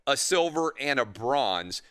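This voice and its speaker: A man's voice: medium pitch, animated, slow, a bit bright, smooth. A man hosting a sports talk radio show, giving emphatic, argumentative opinions and handling callers on a close studio microphone.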